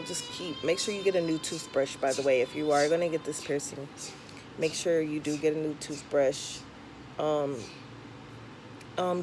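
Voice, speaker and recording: Lisping young woman vlogger over background noise. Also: deep voice. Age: young adult. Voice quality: slight lisp from tongue piercing. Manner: frank, conversational advice-giving. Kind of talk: casual vlog chat. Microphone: camera or phone at arm's length. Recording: clear background noise, home camera recording.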